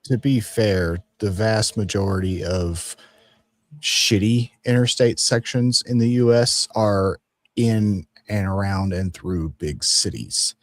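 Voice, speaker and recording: A man co-hosting a podcast, tossing in dry deadpan quips. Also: lowish voice, takes it slowly, no echo. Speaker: podcast co-host. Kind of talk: casual chat.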